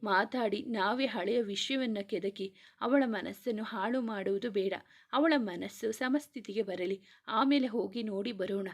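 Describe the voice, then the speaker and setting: Give me a calm, reasoning young man in a storybook, voiced by a woman. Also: mid-range voice, unhurried. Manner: soothing, reasoning. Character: calm young man restraining his friend. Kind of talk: reading a serialized romance novel aloud.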